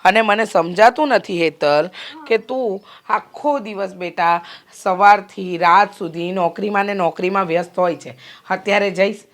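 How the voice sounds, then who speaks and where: A fretful middle-aged mother, played by a woman, fussing and complaining in a mid-pitched voice. She nags her grown daughter and grumbles about her idle husband, in a short film drama. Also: moderate pace, lightly acted. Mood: pleading.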